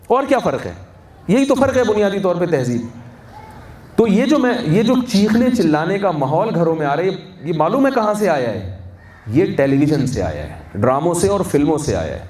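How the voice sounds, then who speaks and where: A man's voice: a little high, dark tone. A man with a Pakistani Urdu accent gives a sermon at a wedding feast, asking the audience questions and answering them himself. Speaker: Islamic scholar. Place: large hall at a wedding reception. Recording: echoey, distant mic, faint hum.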